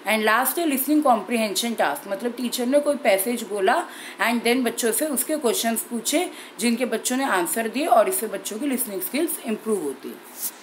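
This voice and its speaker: A young woman with a fairly high voice teaches an exam-prep lesson in a clear, steady way. She slows down to stress each key term. A faint hiss sits under the recording. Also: poor audio. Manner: clear, steady explaining with slowed emphasis on key terms. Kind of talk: explanatory lesson in Hindi with English terms.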